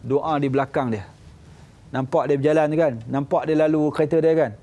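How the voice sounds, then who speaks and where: A man with a Malaysian Malay accent, a religious teacher giving a lively sermon and acting out little scenes. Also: normal speed. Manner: animated, acts out little scenes, jumps to high voices. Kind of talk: lively sermon with acted dialogue.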